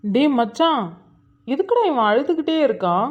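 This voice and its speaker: A woman's voice: high-pitched, sing-song, normal speed. A woman voicing a cheeky young cartoon man who mocks his family with brash banter. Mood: teasing. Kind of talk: cartoon voice acting. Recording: slightly muffled lo-fi recording.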